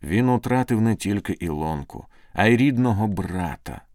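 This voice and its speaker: A man narrating a storybook in a scripted, expressive, dramatic reading. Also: fairly low pitch, moderate pace, no room sound, clean studio sound.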